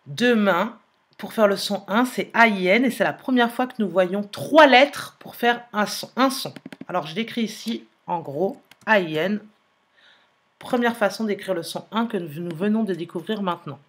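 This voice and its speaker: A woman teacher, slowly dictating a sentence and spelling out letters in a phonics lesson. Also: medium pitch, a little hiss or hum. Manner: slow, careful dictation, repeating and spelling letters aloud.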